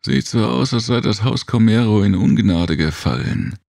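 A man voicing a watchful, older grey-haired male worker in an audiobook who states facts flatly. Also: lowish voice, moderate pace, creaky, no echo, clean studio sound, pitched above the performer's own voice. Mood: matter-of-fact. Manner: factual, neither pity nor scorn. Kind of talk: audiobook character voice.

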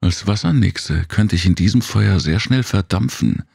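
A man with a very deep, gravelly voice voicing a playful young female warrior in a storybook reading, speaking in a lilting, coy way. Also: animated, normal speed, darkish tone, dry recording, studio quality, exaggerated voice. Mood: coy, teasing. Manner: lilting, coy, sing-song.

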